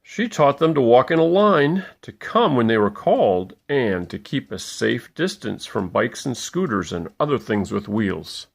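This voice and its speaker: A parent reads a bedtime storybook aloud to small children, playful in tone. His husky, gravelly voice swings lively in pitch as he pauses to point things out.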